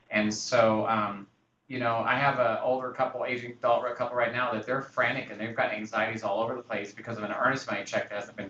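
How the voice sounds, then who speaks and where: A man's voice: on the low side, fairly bright tone. A man who works as a real estate broker, talking in a casual podcast discussion and acting out phone calls as he tells stories. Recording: roomy, distant, dull sound with faint noise.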